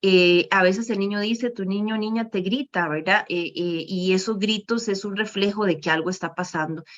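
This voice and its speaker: A woman gives a presentation to professionals on child behavior, checking in often with "¿verdad?" and pausing on fillers. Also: mid-range voice, steady tone. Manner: frequent "¿verdad?" tags and fillers. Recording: muffled lo-fi recording.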